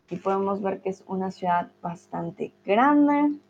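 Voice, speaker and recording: A Colombian woman runs a live online class in a friendly, encouraging way. She speaks slowly and spells things out with care, at a mid pitch. The sound is dull and lo-fi, like a video call. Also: lively intonation, a little mellow, a little hiss or hum. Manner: friendly, encouraging, slow and clear. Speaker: teacher.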